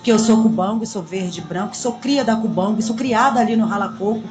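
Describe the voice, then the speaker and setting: A woman, talking in a lively, chatty way as a guest in a small radio studio. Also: medium pitch, brisk, faint music behind. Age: 40s. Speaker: samba school drum queen guest. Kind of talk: casual radio interview. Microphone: studio boom mic.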